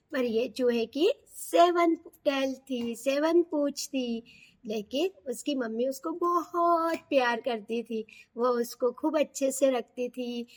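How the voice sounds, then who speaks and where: A woman narrating a children's bedtime story, asking the kids questions as she goes. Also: high voice.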